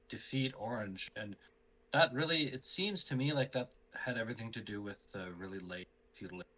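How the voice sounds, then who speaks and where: A man co-commentating an esports match over a call, his audio choppy and breaking up as he gives halting analysis. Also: on the low side, sharp tone, a little hiss or hum, rough recording. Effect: choppy, glitchy call audio breaking up.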